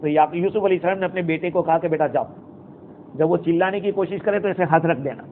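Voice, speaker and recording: A man giving a Quran commentary lecture, quoting Arabic verses and explaining them in a storytelling way. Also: a little high. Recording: tinny phone-like recording with faint noise.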